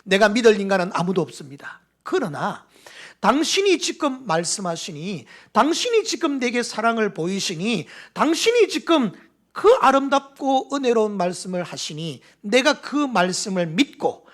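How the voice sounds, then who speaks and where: A middle-aged man with a Gyeongsang accent preaches a sermon with animated delivery. His voice sits high and swings widely, and he slips into acted lines of dialogue in his regional dialect. The style is a church sermon. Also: normal speed. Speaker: pastor.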